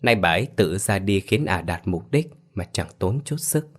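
A man narrating a scripted ghost story in a steady, even reading voice. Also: low-pitched, moderate pace.

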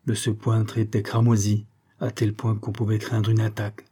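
Low husky male audiobook narrator. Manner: steady, measured storytelling. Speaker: audiobook reader. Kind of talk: scripted narration.

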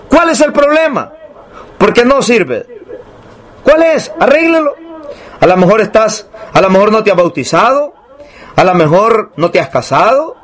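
A man preaching a sermon, emphatic and repetitive, asking rhetorical questions and slowing down to read scripture aloud. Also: high voice, fairly bright tone.

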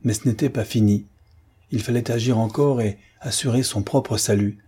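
A man narrating a classic novel as an audiobook in a steady, measured way. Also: medium pitch, husky. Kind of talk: scripted narration.

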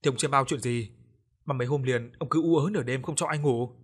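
A man's voice: medium pitch, a little fast, breathy edge, lightly acted. Man doing a grumbling, nagging wife. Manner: grumbling, querulous. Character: nagging middle-aged wife.

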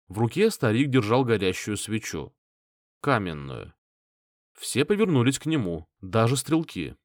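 A man narrating a first-person audiobook in a lively, expressive way. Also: medium pitch, no room sound, clean studio sound.

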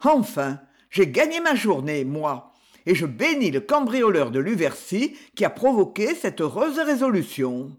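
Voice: sing-song, measured pace. A reader voicing a cunning, self-satisfied young man plotting a ruse, in an audiobook. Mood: smug. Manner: low, sly, self-satisfied. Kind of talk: audiobook character voice.

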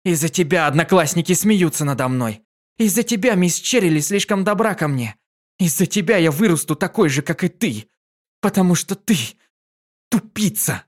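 A man voicing an upset little unicorn filly in an audiobook reading, with a shrill, tearful voice. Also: animated, moderate pace, close to an everyday voice. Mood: furious. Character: small unicorn filly, hurt and angry.

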